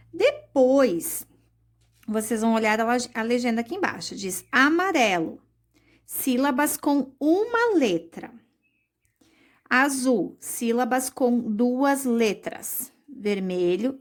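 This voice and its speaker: A woman teaching young children a recorded lesson, explaining slowly and patiently, with many diminutives. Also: high voice. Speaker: primary school teacher.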